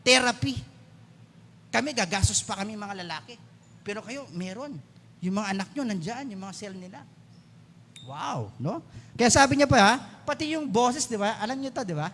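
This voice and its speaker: A man with a Filipino accent preaching a lively Mother's Day sermon to his congregation in a church hall, switching between Filipino and English and calling for applause and amens. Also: sits high, normal speed, pauses often. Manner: lively, mixes English into Filipino, asks the congregation to clap and say amen. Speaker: pastor.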